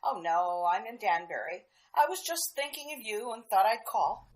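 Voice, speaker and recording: A woman's voice: mid-range voice, lively intonation, normal speed, natural voice, poor audio. A woman playing a cheerful housewife chatting with a friend in an amateur radio drama, breezy and gossipy. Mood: chatty.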